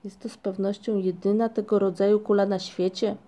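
A woman reading a storybook, voicing a calm, decisive young male troll who speaks firmly. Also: medium pitch, brisk, close to an everyday voice. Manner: firm.

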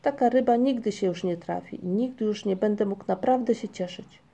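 A woman's voice: medium pitch, brisk, gravelly, dark tone. A woman voicing a proud, bossy young male creature who barks orders and talks with irony. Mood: sulking. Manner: commanding, ironic.

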